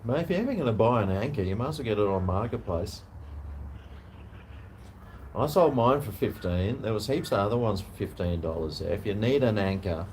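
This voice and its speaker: A man with a broad Kiwi accent and a lowish voice chats away like a casual vlogger. He rambles in a laid-back, slangy manner with some swearing, and there is clear noise behind him. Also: a little mellow. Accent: broad New Zealand. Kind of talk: casual rambling chat to camera. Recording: noticeable background noise.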